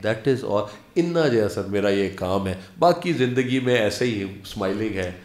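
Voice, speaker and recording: A man in his fifties, an actor and lecturer, telling stories as an interview guest and acting out quoted dialogue. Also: lowish voice. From Pakistan. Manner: animated storyteller who acts out quoted dialogue. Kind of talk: casual interview storytelling. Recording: roomy studio echo.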